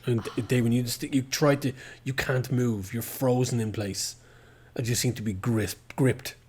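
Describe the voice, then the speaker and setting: A man's voice: medium pitch, fairly even intonation, moderate pace, a little mellow, a little hiss or hum. A man running a tabletop roleplaying game, narrating scenes vividly and dramatically as game master.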